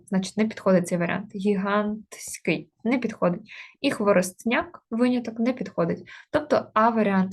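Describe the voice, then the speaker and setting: A woman's voice: medium pitch, darkish tone. A woman teaching an exam-prep grammar lesson, explaining step by step with frequent hesitations. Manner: explains step by step with many fillers.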